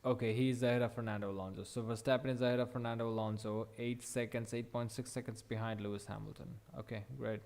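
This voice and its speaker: A young man reacting live as he watches a race, thinking aloud, excited and swearing now and then. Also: mid-range voice, fast, hardly any pauses. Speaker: watch-along race commentator.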